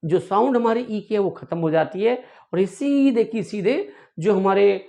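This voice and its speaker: A man's voice: sits high, vocal fry, dark tone. Man teaching a grammar lesson. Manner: repeats words slowly for pronunciation drill; addresses viewers fondly as a teacher. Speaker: English teacher.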